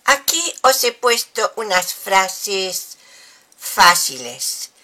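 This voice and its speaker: An older woman teaching with patient explanations, repeating example phrases slowly. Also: mid-range voice, big pitch swings, sharp tone, soft background music. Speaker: language teacher.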